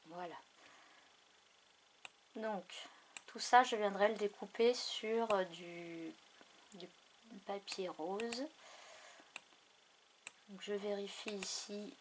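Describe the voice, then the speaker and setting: A woman hosting a craft tutorial, thinking aloud in an unhurried way with many fillers as she works on a computer. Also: medium pitch, a little hiss or hum. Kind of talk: casual screen tutorial narration. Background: mouse clicks.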